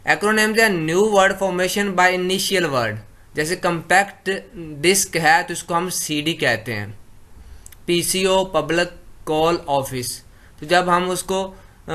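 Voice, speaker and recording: A male lecturer from Pakistan with a slightly high, bright, forceful voice. He reads each English definition out slowly, then explains it in easygoing conversational Urdu.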